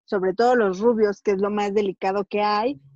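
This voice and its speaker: A woman with a Mexican accent, a hair stylist guest on a podcast, explaining in a lively, animated way. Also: medium pitch, moderate pace, no echo. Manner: lively, animated storytelling with acted-out quotes. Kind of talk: casual interview chat. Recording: dull lo-fi dry sound.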